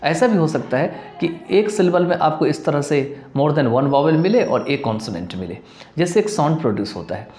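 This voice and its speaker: A man's voice: fairly high pitch, very animated, normal speed, darkish tone, roomy sound, faint music behind. A man teaching a lesson, explaining as he writes on a board and mixing English terms into his talk with rhetorical questions. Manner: mixes English terms and read-out quotes into Hindi, checks with rhetorical questions.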